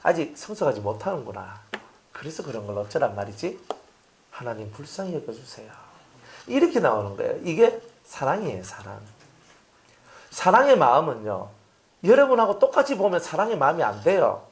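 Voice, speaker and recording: A pastor preaching a sermon, chatty and animated, asking his congregation rhetorical questions. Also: fairly high pitch, brisk.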